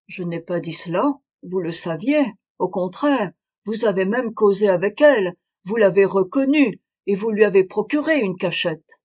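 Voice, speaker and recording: A cool, sharp detective walks through his deduction step by step, as a woman reader voices him. The delivery stays measured and explanatory, close to the reader's own voice. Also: fairly high pitch. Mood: pressing.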